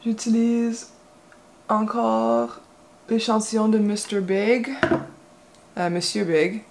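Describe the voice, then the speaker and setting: A woman with a fairly high, level voice speaks slowly, with creak and a darkish tone. She's an English-speaking Quebecer and a beauty vlogger, chatting casually as she does her makeup. Her talk is hesitant and rambling, packed with fillers and restarts, in an English-speaking Quebec accent.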